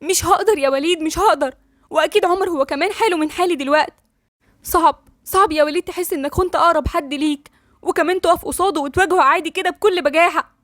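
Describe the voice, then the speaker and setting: A distraught young woman pleads in an Egyptian Arabic accent, as a woman reads her in a storybook recording. The voice is high and very fast. The sound is dry and close. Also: a bit bright, no room sound. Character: anxious tearful young woman doctor.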